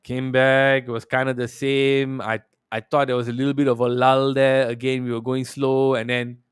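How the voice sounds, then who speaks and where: A man giving a casual, animated match reaction as a football fan, telling it emphatically in a conversational way. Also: mid-range voice, moderate pace, clean tone, no echo, clean studio sound.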